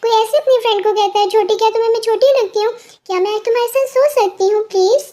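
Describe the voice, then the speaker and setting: A woman's voice: very high-pitched, fairly even intonation, racing, dark tone. A woman reading a storybook voices a sad, sulky young woman who pleads and protests.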